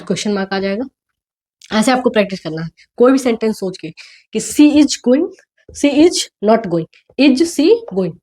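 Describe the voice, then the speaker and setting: A woman teaching English grammar, unwell and coughing, who speaks softly and asks the class questions before answering them herself. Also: fairly high pitch. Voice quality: soft, quiet delivery.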